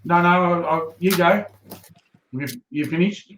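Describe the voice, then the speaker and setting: A man's voice: high voice, unhurried, a bit bright, slight background noise. A man with an Australian accent hosting a live stream in a casual, chatty style. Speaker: live-stream show host. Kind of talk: casual chat. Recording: roomy, slightly dull live-stream audio.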